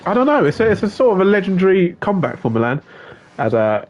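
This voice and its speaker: A man's voice: high-pitched, sing-song, fast talker, muffled recording. A man commentating a live online racing league stream, chatty and full of fillers as he greets viewers. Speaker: race commentator.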